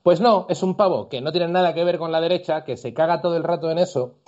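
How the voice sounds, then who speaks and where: A man from Andalusia, hosting a casual discussion and arguing his points with lively examples. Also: on the high side, quick pace, muffled recording. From Andalusia, Spain. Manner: lively, opinionated, argues with examples.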